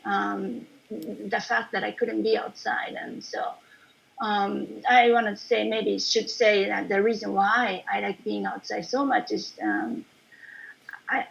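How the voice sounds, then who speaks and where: A woman from Japan talks through her painting life in a relaxed, chatty way, scattering fillers and small laughs. Her voice is husky with a gravelly edge, and the video-call audio sounds a little dull. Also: fairly high pitch. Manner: warm, chatty, frequent fillers and soft laughs. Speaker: watercolour painter presenting her work. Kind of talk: casual online presentation.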